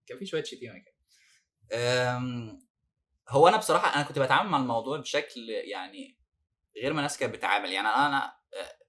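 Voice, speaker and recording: A man with an Egyptian accent, a former detainee telling his story as a podcast guest, animated and laughing now and then. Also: medium pitch. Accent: Egyptian Arabic. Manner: animated, laughs while recounting hardship.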